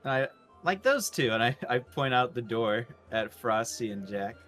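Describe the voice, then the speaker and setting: A man of middling pitch plays a tabletop role-playing game, casually voicing and describing his character. Soft music sits behind him. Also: very animated, a little slow.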